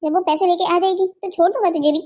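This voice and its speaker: A woman's voice: very high-pitched, fairly even intonation, fast, noisy background. A woman voicing a swaggering male kidnapper with a sword in a cartoon story, talking in taunting, sneering threats.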